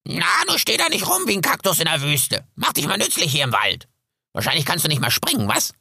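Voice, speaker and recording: A man voicing a grumpy, scruffy male raven in an audiobook, croaking and scolding theatrically. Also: a little high, wildly swooping pitch, brisk, pushed and bright, no echo, clean studio sound, voice pushed up, exaggerated voice. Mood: mocking. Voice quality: gravelly, husky croak. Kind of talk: audiobook character voice.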